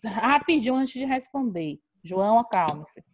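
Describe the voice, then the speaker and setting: A woman's voice: fairly high pitch, animated, normal speed, slight background noise. A woman teacher with a Brazilian accent, patiently explaining grammar in an online class and repeating key terms.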